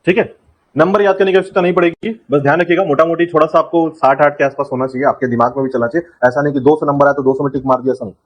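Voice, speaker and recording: Man, exam-prep lecture, quick delivery, raised pitch, repetitive reminders. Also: steady tone, rough recording. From India. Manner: repetitive, drills key points, keeps saying remember. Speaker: teacher.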